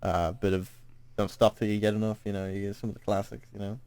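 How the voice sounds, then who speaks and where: A man's voice: fairly low pitch, level tone, fast talker, gravelly, dark tone, dry recording. A man co-hosting a casual podcast, giving dry, hesitant retorts. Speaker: podcast co-host. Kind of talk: casual chat.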